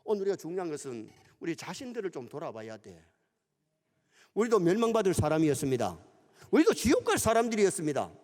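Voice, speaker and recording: A middle-aged pastor with a Gyeongsang Korean accent, preaching a sermon in an animated storytelling manner in a church sanctuary. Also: male voice, high voice, fast. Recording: long church hall reverb.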